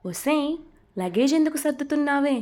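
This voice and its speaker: A woman voicing a nosy young female friend in a storybook romance, nagging loudly and sounding suspicious. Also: high-pitched, animated, normal speed, pitched above the performer's own voice.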